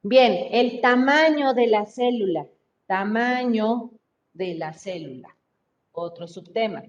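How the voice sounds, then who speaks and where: A woman teaching a biology class online in Mexican Spanish, explaining slowly and checking in with the students again and again. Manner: slow, explaining step by step, frequent checking "¿sí?". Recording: muffled lo-fi mic with faint rumble.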